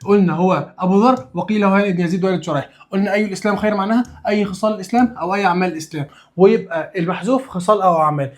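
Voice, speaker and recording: Egyptian male teacher, high voice, rapid-fire quizzing delivery, joking asides to students. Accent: Egyptian Arabic. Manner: drills students with repeated questions and answers; casual, playful asides. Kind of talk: religious studies lesson.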